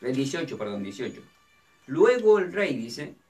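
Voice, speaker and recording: A man's voice: mid-range voice, big pitch swings, moderate pace, a little mellow. Man, pastor, Bible study sermon, asks and answers his own questions, distant mic. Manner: asks the audience questions and answers them himself. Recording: distant mic with faint music.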